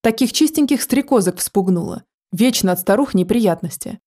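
A woman's voice: mid-range voice, expressive, normal speed, mellow, lightly acted. A woman voicing a cold, sneering young man who mutters through his teeth.

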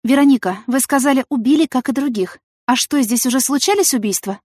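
A woman's voice: high-pitched, brisk, darkish tone, no room sound, clean studio sound, voice pushed up. A woman voicing a curious, meddling young woman who asks eager questions. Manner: eager, inquisitive.

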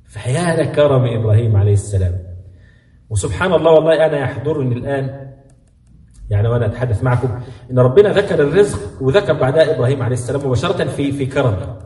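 A man with an Egyptian Arabic accent giving a religious lesson on the Quran, mixing classical and colloquial Arabic and putting lively questions to his listeners. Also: mid-range voice, racing. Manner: lively and conversational, asks the audience questions. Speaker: Islamic preacher giving Quran commentary. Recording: echoey hall, mic at a distance.

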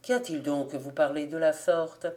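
A woman's voice: low-pitched, fairly even intonation, normal speed, a little mellow, lightly acted. A woman reading an audiobook voices a young male peasant who speaks earnestly and then in shock and reproach.

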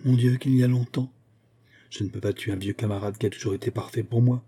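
A man's voice: medium pitch, fairly even intonation, fast talker, mellow, breathy edge, close to an everyday voice. A man voicing an earnest, lovesick young nobleman from an old novel. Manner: earnest, slightly embarrassed. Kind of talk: audiobook character reading.

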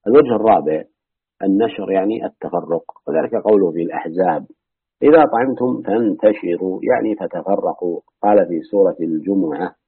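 A deep-voiced man with a husky tone reads through an old scripture commentary in a steady, measured way. The sound is dry and tinny, like a phone line. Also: no echo. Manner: measured reading that drops to low asides. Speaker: reader and teacher of Quran commentary. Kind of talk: reading a classical commentary aloud with brief remarks.

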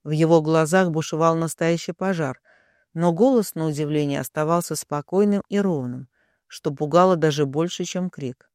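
A man reading a dramatic audiobook in an expressive, even narration. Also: fairly high pitch, normal speed, no room sound, clean studio sound.

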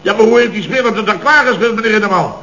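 A fast-talking male voice with a sharp tone and a Netherlands Dutch accent plays a blustering, higher-voiced, put-upon contractor boss, sounding strained and deferential here. He still recounts mishaps in indignant, long-winded stories with exasperated emphasis. This 1970s radio comedy acting comes from a dull old radio recording, with slight background noise.

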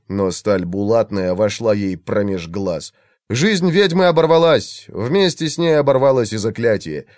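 A man reading a fantasy novel aloud in a measured, dramatic narration. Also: mid-range voice, darkish tone, dry recording, clean studio sound. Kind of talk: audiobook narration.

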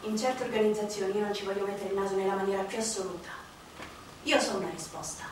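An actress voices the mature widow of a banker in theatrical interview dialogue, defiant, guarded and bitterly loyal to her dead husband. She speaks quickly in a steady mid-range voice close to everyday speech, with some hiss or hum, in a very echoey, distant recording with music beneath.

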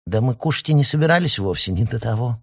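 A man's voice: medium pitch, lively intonation, quick pace, gravelly, slightly rough, pitched above the performer's own voice. A man voicing a nervous, irritable young woman who mutters her lines, in a storybook reading. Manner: muttering, edgy.

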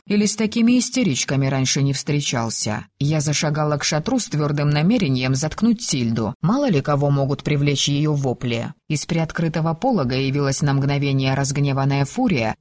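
A woman narrating a first-person fantasy audiobook with lively, ironic storytelling. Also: low-pitched.

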